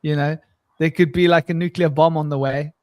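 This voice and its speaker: A slightly high-voiced man co-hosts a casual podcast in a dry, close-miked sound. He rambles and jokes, laughing often and restarting his sentences. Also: fairly even intonation, a little fast, darkish tone, no room sound. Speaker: podcast co-host. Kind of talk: casual conversational podcast chat.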